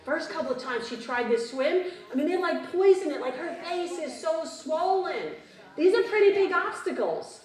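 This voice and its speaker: A woman in her fifties giving a motivational keynote to a conference audience, animated and prompting the crowd with frequent questions. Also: extremely high pitch, normal speed. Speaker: keynote speaker. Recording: roomy hall, distant mic.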